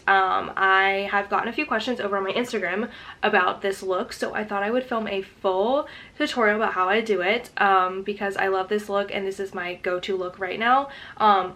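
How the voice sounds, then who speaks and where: A woman's voice: mid-range voice, a bit bright. Stuffy-nosed young woman chatting a makeup vlog. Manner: chatty with frequent "um" fillers. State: stuffy, nasal voice from a cold. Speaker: fashion and lifestyle content creator. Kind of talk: casual makeup tutorial vlog.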